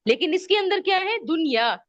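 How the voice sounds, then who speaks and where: A woman teaching an online Arabic grammar class, drawing out example words slowly and often checking that her students follow. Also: very high-pitched, animated, dry recording, dull audio.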